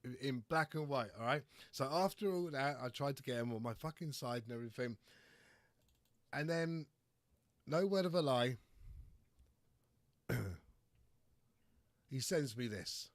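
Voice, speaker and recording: A man hosting a casual podcast who rants and swears freely, clearing his throat between bursts. His voice sits at a middling pitch and sounds close and dry, with no room around it. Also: measured pace, long pauses, no echo. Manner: profane, ranting, frequent throat-clearing. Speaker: podcast host.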